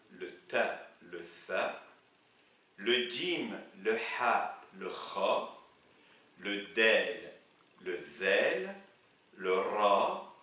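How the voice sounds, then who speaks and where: A man's voice: lowish voice, sharp tone. A man teaching a lesson at a board in a patient, repetitive way, often telling his students to look. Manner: patient, explains slowly with repetition, says "regardez" often. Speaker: Arabic teacher. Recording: echoey room from a distance, faint noise.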